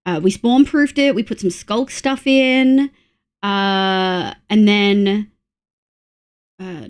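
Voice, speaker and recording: An Australian woman chats while playing a game on a livestream, rambling excitably with lots of fillers. Her voice is thick and stuffy from congestion and sits a little above the usual pitch for a woman.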